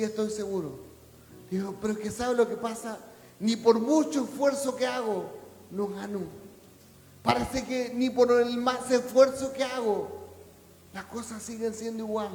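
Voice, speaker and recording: A high-voiced male pastor preaches a sermon in a church hall, often asking the congregation rhetorically whether they understand him. He climbs to a shout at the strongest moments, and the echoey hall adds a long reverb.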